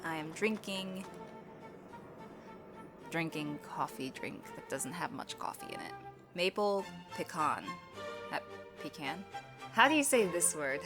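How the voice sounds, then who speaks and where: A young woman chatting through a casual vlog with voiceover bits, full of quick self-mocking jokes. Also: on the low side, lively intonation, music in the background. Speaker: vlogger and touring puppet theatre performer.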